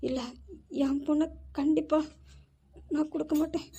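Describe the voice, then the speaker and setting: A woman's voice: high voice, level tone, moderate pace, mellow, lightly acted. A woman voicing a timid middle-aged housemaid mother who pleads hesitantly with her employer. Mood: pleading.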